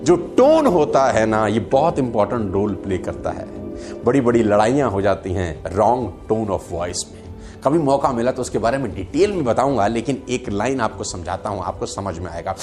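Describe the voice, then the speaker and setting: Animated, emphatic male motivational speaker. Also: on the low side, moderate pace, music in the background. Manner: animated, emphatic, acts out quotes and jokes. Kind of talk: motivational talk.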